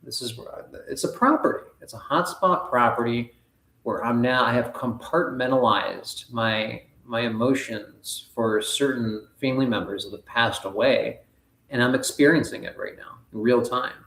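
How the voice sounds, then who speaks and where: A man hosting a live spiritual talk, speaking in an earnest, halting, rambling way. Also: medium pitch, a bit bright, roomy sound. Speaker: spiritual livestream host.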